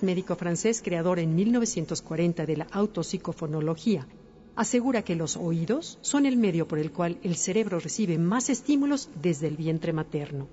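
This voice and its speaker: Female host for reflective narration: calm, measured, mellow, slightly muffled recording. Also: on the low side, breathy edge, big-room sound. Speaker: host of a reflective wellbeing segment.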